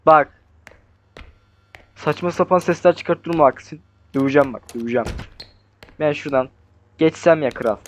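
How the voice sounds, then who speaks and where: A young man commentating his horror game playthrough, talking nervously to the monster and swinging between hushed mutters and startled yells. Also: fairly high pitch, highs cut off. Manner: jumpy, talks to the monster, swings from hushed to yelling. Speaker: gaming YouTuber.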